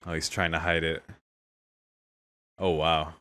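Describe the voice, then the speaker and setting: A man's voice: rumbling low, little pitch movement, takes it slowly, pushed and bright, dry recording, studio quality. A young man hosting a casual anime reaction, exclaiming candidly, often laughing and swearing. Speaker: anime reaction channel host.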